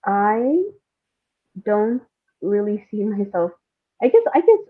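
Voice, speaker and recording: A woman guest with a mid-range, sing-song voice takes her time, talking casually and candidly in an interview. She thinks aloud informally in a reflective way, over narrow, phone-like call audio.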